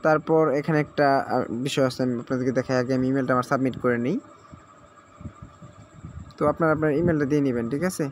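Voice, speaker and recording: This screen-recorded app tutorial features a male host with a mid-range, fairly even voice who talks fast but pauses often, with a little hiss or hum on the recording. He takes viewers through the sign-up step by step, repeating instructions, checking in frequently, and slipping in English words.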